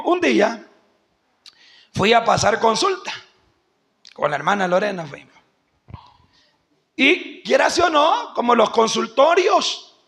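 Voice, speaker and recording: High-pitched preacher guy, bright edgy voice with some gravel, gets loud. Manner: animated, shouts at points, acts out quoted voices. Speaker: pastor. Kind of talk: sermon with storytelling.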